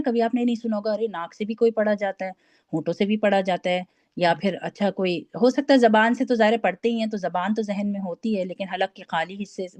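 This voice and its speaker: A woman teaching recitation over a video call, speaking patiently, demonstrating sounds slowly and checking that students follow. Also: medium pitch, dark tone, no echo. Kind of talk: online class lesson.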